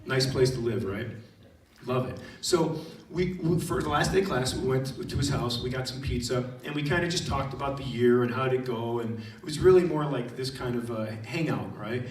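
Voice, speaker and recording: A man who teaches high school theology gives a retreat talk, telling stories and speaking straight to the students in the room. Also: moderate pace. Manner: storytelling, animated, addresses audience directly. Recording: roomy, distant mic.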